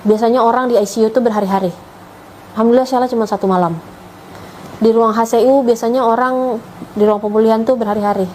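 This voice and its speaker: A woman's voice: on the high side, steady tone, fast talker, long pauses, a little mellow, a little hiss or hum, poor audio. A middle-aged woman, earnestly telling her personal story with emotion. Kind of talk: personal testimony.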